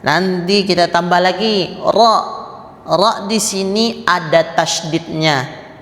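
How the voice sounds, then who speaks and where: Slow, patient male recitation teacher. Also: high voice, a bit bright. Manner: patient, repeats sounds and drills students. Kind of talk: slow step-by-step recitation lesson. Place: mosque. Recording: echoey room with long reverb.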